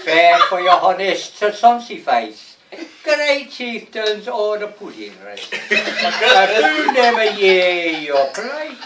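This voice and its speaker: A woman's voice: medium pitch, very animated, slow. A woman reciting poetry at a party, laughing as she goes. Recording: roomy and distant with loud party noise.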